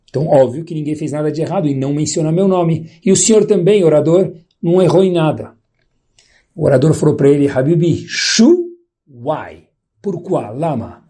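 A religious teacher with a Brazilian Portuguese accent delivers a sermon, telling a story as his voice swings high and low. He slows down for emphasis, and his delivery has a mellow, breathy edge.

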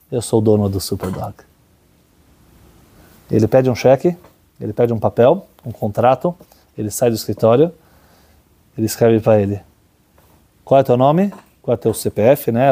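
Man, religious teacher, lively storytelling sermon, husky and mellow tone, acts out the characters. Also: medium pitch. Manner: animated storyteller, voices characters in dialogue.

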